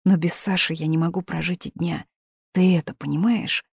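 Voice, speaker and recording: A woman's voice: lowish voice, steady tone, normal speed, vocal fry, a little mellow, husky, no room sound. A woman reading the part of an eighteen-year-old daughter, pleading and emotional, in a dry, close recording.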